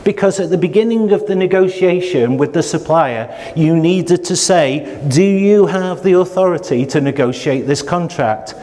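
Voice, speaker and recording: A man's voice: sits high, normal speed, hardly any pauses, dark tone. A man teaching procurement to a room, asking rhetorical questions and acting out what buyers and suppliers say. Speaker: procurement trainer. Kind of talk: lecture to a room of trainees. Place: training room. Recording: long hall reverb.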